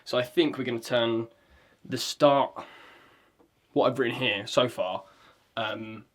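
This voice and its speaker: With a medium-pitched voice and a slow pace, a vlogger writing a script keeps up casual talk. He rambles along, swears often, and hunts aloud for wording.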